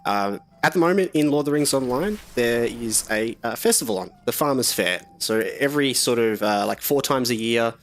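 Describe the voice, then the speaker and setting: This young man's mid-range voice moves at normal speed with hardly any pauses as he talks through a game on a live stream. Slightly sick and sniffly, he stays relaxed and rambles with many fillers.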